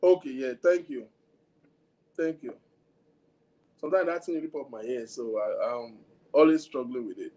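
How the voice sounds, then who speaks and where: A medium-pitched, mellow male voice moves at normal speed but with long pauses. The speaker, a Nigerian-accented livestream host, keeps things casual, rambling, code-switching, chatting to viewers directly, and claiming a big voice.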